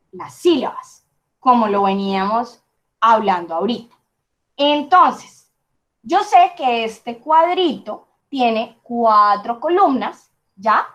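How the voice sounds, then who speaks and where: Lady teaching a class, takes it slow, keeps asking if everyone's following. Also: fairly high pitch. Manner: patient, checks in often with the class. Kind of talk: classroom explanation.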